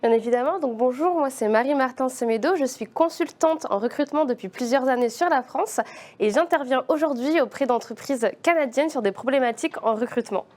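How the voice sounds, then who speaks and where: A woman recruitment consultant explaining job-search norms in a webinar, measured and explanatory, hesitating at times. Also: high voice, a little mellow. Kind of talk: webinar presentation.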